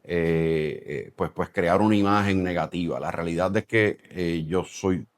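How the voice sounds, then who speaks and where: Speaking at a measured pace in a low-pitched voice with no echo, a middle-aged real estate developer from Puerto Rico, who heads his company, thinks through interview questions aloud. He has a Puerto Rican Spanish accent and relies on many fillers and restarts.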